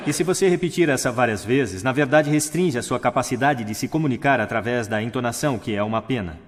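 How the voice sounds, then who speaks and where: A man giving a talk from a stage. He shows his points by changing his voice, going up and down in pitch and from loud to quiet. Every word hangs in the long reverb of a big auditorium. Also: quick pace. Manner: demonstrative, swings pitch and volume for examples.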